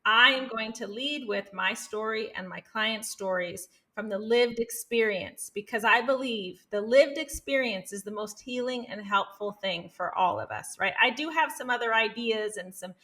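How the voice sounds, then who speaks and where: A woman's voice: a little high, normal speed, hardly any pauses, sharp tone. A woman psychologist and author, a podcast guest, talking earnestly and animatedly, often checking in with "right?". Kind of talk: conversational interview.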